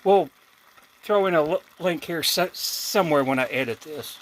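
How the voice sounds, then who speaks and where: A man's voice: a little high, moderate pace, slight background noise. A man from Kentucky with an Appalachian accent hosting a home cooking vlog in a folksy, chatty way, correcting himself as he goes. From Kentucky, USA. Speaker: cooking channel host. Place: home kitchen.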